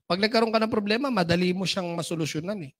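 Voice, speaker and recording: Brief: high-pitched male trainer, animated seminar coach who keeps asking listeners for agreement. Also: fast talker. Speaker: business trainer. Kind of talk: motivational seminar talk.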